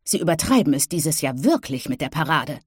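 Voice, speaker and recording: A woman's voice: deep voice, very animated, a little fast, a little mellow, slightly rough, no room sound, clean studio sound, exaggerated voice. A woman voicing a grumpy grandmother in an audiobook. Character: grumpy grandmother shouting from outside.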